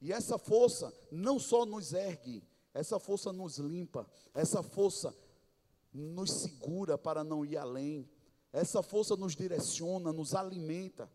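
A man's voice: sits high, warm tone. A man preaching a sermon in a church, his voice swelling and dropping. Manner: preaching with swells and drops in volume. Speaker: pastor. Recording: long hall reverb.

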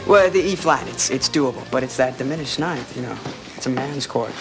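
A man playing a laid-back young guitarist who talks in an offhand, deadpan way. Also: mid-range voice, brisk, creaky, natural voice, rough recording. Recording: TV clip with guitar music.

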